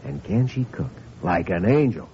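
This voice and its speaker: An actor playing an earnest, genial young doctor in an old radio drama, speaking sincerely and persuasively. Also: male voice, on the low side, expressive, normal speed, gravelly, dark tone. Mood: coaxing, playful. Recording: dull, noisy old radio recording.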